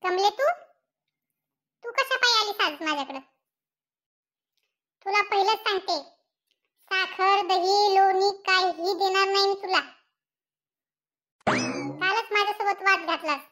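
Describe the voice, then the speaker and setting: A performer voicing a sharp-tongued, gloating middle-aged village woman in a cartoon comedy, speaking in a taunting, scolding way. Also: very high-pitched, unhurried, pauses often, full character voice. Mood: snappish. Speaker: Shantabai, neighbor.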